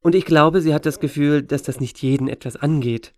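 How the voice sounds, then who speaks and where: A man voicing a calm, matter-of-fact adult man who speaks quietly and patiently to children, in a storybook reading. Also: fairly high pitch, a little fast, natural voice.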